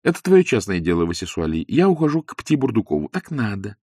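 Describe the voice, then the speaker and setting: A man's voice: on the low side, sing-song, quick pace, warm tone, husky, no room sound, clean studio sound. A man voicing an irritable, impatient wife who answers curtly. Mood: curt, irritated. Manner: curt, impatient. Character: irritable, cool-headed wife leaving her husband.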